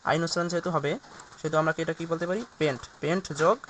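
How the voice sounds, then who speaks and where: A man's voice: fairly high pitch, fairly even intonation, rapid-fire, fairly bright tone, a little hiss or hum. A man teaching a recorded chemistry lesson, walking through each step and asking and answering his own questions.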